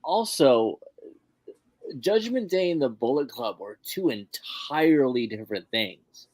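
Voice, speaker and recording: A man's voice: mid-range voice, lively intonation, unhurried, a little mellow, no echo. A man co-hosting a wrestling podcast, giving his take in an easygoing, thoughtful casual chat. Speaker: podcast co-host.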